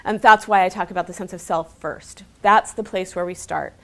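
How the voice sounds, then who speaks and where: A woman's voice: fairly low pitch, fairly even intonation, moderate pace, fairly bright tone. Woman giving an informal, emphatic lecture. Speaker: speaker on mental health and digital habits.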